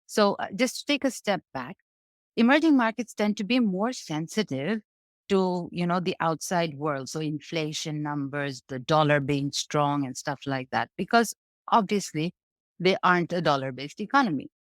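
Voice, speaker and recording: A woman's voice: low-pitched, lively intonation, moderate pace, no echo, clean studio sound. A woman from Bangladesh, a guest analyst explaining the economy in a conversational interview, often checking in with "right?". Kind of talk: interview answers on markets.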